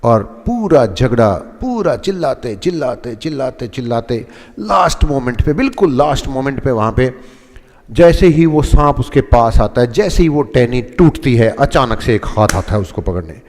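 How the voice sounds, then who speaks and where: A man's voice: mid-range voice, animated, moderate pace, a little mellow, big-room sound. A man teaching English phrases, explaining in Hindi and acting out examples. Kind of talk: spoken English lesson in Hindi.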